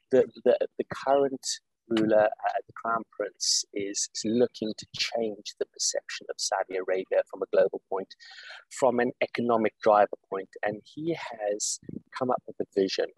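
A man from South Africa, an executive director, explains his work in an interview over a video call, talking in a measured way with many fillers and restarts. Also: on the low side, poor audio. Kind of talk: interview conversation. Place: Saudi Arabia, remote call.

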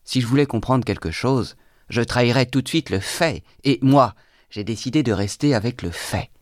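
A man's voice: fairly low pitch, moderate pace, dry recording, studio quality, close to an everyday voice. A man reading aloud, voicing a bitter young intellectual who talks in a feverish, exalted monologue.

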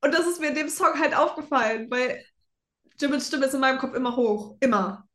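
A young woman with a fairly high voice chats casually as a podcast co-host. She mixes English words into her German as she talks. The recording is roomy, with clear echo around her voice. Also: fairly quick. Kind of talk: casual fan chat. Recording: roomy, echoey sound.

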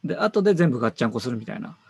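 Gravelly, lively-voiced man chatting casually. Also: medium pitch, very fast, no room sound. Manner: relaxed, thinks aloud with fillers and self-corrections. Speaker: designer. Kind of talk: casual work conversation.

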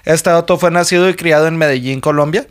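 Speaking a little fast in a higher-leaning voice, a young Mexican podcast co-host keeps things relaxed and playful. He uses lots of slang and laughs often throughout the casual conversation.

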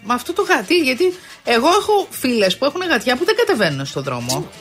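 A woman's voice: high-pitched, big pitch swings, a bit bright, soft background music. A woman co-hosting a talk show, asking short curious questions in casual chat.

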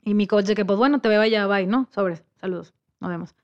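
A woman's voice: medium pitch, brisk, muffled recording. A woman with a Mexican accent telling a story in casual chat, acting out the voices of the people she quotes. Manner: lively storyteller who acts out quoted voices.

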